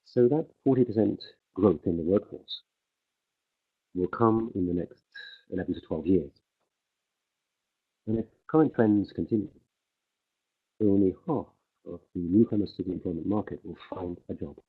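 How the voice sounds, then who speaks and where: Tracking a conference speaker in real time, a deep-voiced, husky male interpreter pauses, restarts and fills gaps with fillers while keeping pace. The feed sounds tinny and phone-like, as if piped narrowly from an interpreter booth over a livestream.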